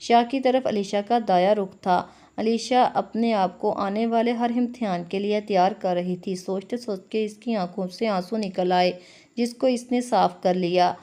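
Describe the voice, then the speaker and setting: A woman reading a romance novel aloud as narrator, with steady storytelling. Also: mid-range voice, unhurried.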